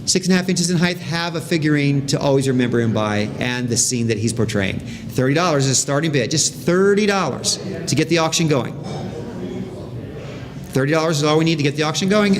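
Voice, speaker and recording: A man's voice: on the high side, fairly quick, crowd noise. A man working as an auctioneer, calling bids in a live auction with repeating patter.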